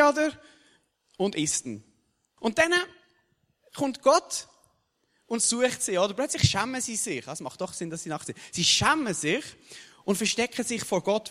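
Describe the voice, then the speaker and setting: A man's voice: sits high, long reverb tail. A man with a Swiss German accent preaching a sermon. He speaks casually and keeps checking in with the listeners by asking "oder?". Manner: animated, casual wording.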